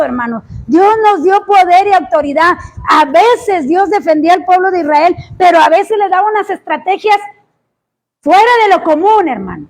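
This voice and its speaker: Preaching with great passion, a woman draws out words to emphasize them and often climbs into shouting. Her voice is very high-pitched.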